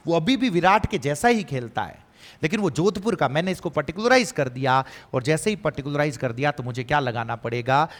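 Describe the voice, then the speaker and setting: A man's voice: fairly high pitch, lively intonation, fairly quick, long reverb tail. A male teacher giving an exam-prep grammar lesson, emphatic and repeating key words. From Rajasthan.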